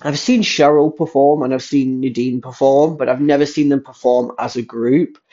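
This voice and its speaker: A young British man with a cold, hoarse with a rough smoker's rasp, giving a chatty, rambling solo update and repeating words for emphasis. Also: medium pitch, fairly even intonation, normal speed, dark tone. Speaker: podcast host and YouTuber. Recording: dull lo-fi sound.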